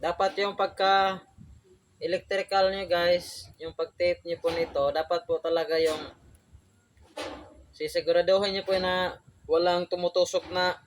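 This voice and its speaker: Young electrician guy from the provinces, talks kinda high, chatty on-the-job tutorial, says guys every line. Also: a little hiss or hum. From Philippines, outside Manila. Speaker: electrician vlogger.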